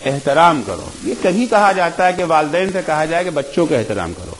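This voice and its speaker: A male cleric delivering a majlis sermon, emphatic, asking rhetorical questions, rising to shouts and then dropping low. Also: very animated, a little hiss or hum, poor audio. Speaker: Shia cleric giving a majlis.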